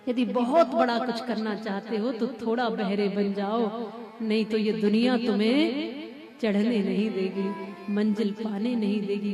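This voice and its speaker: A woman giving a devotional sermon, telling a story and speaking straight to her listeners. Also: a little high. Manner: animated storytelling, addresses listeners directly. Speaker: religious storyteller. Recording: music playing behind.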